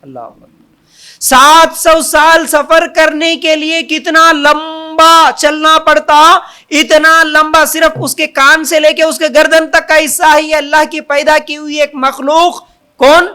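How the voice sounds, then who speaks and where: A man's voice: very high voice, flat delivery, bright, forceful tone. A man preaching a sermon, building long repeated lists and rhetorical questions and stretching out the call of God's greatness. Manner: emphatic, drawn-out takbir calls. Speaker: Islamic preacher. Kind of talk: Urdu sermon.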